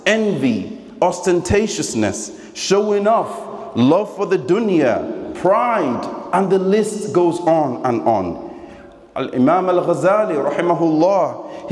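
A young man with a higher, darkish voice earnestly delivers a Friday sermon from paper notes at a stand microphone in a large mosque hall. The preacher chants a Quranic verse, and the hall adds echoey reverb.

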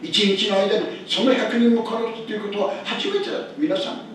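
A man's voice: high voice, steady tone, normal speed. Older man preaching in an echoey hall. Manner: emphatic preaching, repeats key phrases. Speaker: pastor. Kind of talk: sermon. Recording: echoey church hall, distant mic, faint noise.

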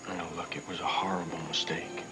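A young actor playing an earnest husband in a TV soap, talking in a soft, hesitant, tender way. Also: male voice, deep voice, level tone, quick pace, lightly acted, poor audio. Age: young adult. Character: earnest young husband reassuring his wife. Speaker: soap opera character Trucker. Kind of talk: 1990s TV soap acting. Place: indoor studio set, dining room. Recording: soap soundtrack with music underneath.

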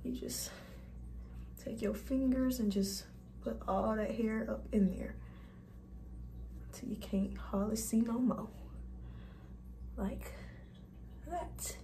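A woman's voice: fairly high pitch, fairly even intonation, slow, long pauses, warm tone, slight background noise. A young woman vlogger talking viewers through a hair tutorial in a casual, chatty, informal way. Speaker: beauty vlogger.

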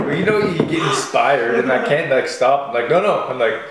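A man in his thirties co-hosting a casual morning chat at home, relaxed and chuckling often. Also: mid-range voice, a little fast, very noisy. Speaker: co-host. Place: home kitchen. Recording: echoey kitchen room.

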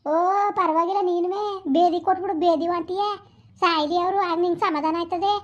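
Brief: shrill, rapid village woman in a skit, scolding, dull lo-fi recording. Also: fairly even intonation. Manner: scolding, consoling, rapid-fire. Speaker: comedy sketch performer. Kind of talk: village comedy sketch. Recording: dull lo-fi sound.

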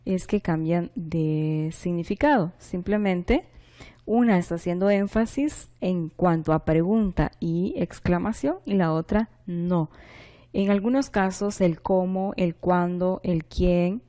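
A woman from Honduras teaching a recorded lesson, with a rather low, mellow voice. She explains patiently, reads example sentences aloud slowly, and poses questions to her pupils before answering them herself.

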